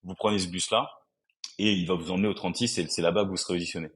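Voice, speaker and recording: Deep-voiced man telling his story. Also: steady tone, a bit bright, husky. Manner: halting, many fillers and restarts. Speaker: podcast guest. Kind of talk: conversational storytelling.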